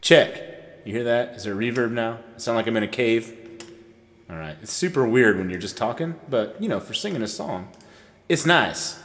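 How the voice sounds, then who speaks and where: A man's voice: medium pitch, expressive, normal speed, fairly bright tone, a little hiss or hum. A man hosting a casual livestream, chatting easygoing and a little self-deprecating with a cave-like reverb effect on his voice. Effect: cave-like reverb added to the voice. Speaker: livestream host and worship singer.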